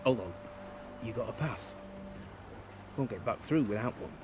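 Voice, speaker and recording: A man's voice: fairly low pitch, lively intonation, normal speed, noisy background, lightly acted. An actor playing a world-weary middle-aged male soldier in a video game, speaking plainly. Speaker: guard.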